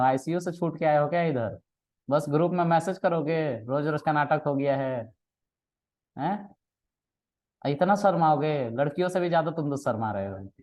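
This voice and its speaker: A man's voice: fairly high pitch, a little mellow. A man teaching a class as their trainer, teasing his students in playful, casual banter and mixing in English words.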